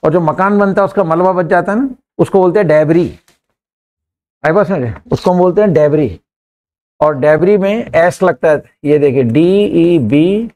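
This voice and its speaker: An English teacher, coaxing his students through sentences and repeating them slowly word by word in a live class. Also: fairly high pitch, darkish tone.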